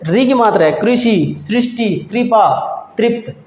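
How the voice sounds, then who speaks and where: A man teaching a grammar lesson for exam students. He talks patiently, says each word slowly and repeats it, and often calls his listeners friends. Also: sits high, darkish tone. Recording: dull, echoey room with faint hiss.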